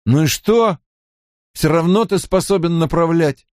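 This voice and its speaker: A man's voice: high-pitched, big pitch swings, moderate pace, a little mellow, dry recording, clean studio sound, voice pushed up. A man voicing a frantic, cursing young man. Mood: grumbling. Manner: frantic, exclaiming.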